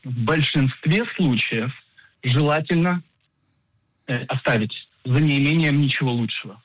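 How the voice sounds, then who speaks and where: A man in his forties, an insurance agent and financial planner, explaining coverage in a radio interview in a measured way with frequent hesitations. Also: mid-range voice, no room sound, poor audio.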